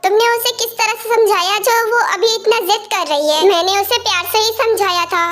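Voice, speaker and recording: A woman's voice: extremely high pitch, a little fast, fairly bright tone. A woman dubbing a firm but caring older sister in an amateur fan dub, scolding and bossy toward her sibling. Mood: tired, worried. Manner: scolding then soothing, bossy.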